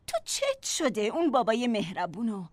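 A woman's voice: a little high, wildly swooping pitch, dry recording. An actress voicing a cold, scolding mother in a dubbed drama. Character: cool, knowing mother at her husband's funeral.

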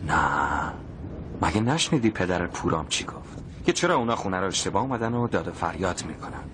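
A man voicing a calming city doctor. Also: deep voice, slight background noise. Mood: gentle. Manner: calming and soothing. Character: gentle city doctor guarding a child.

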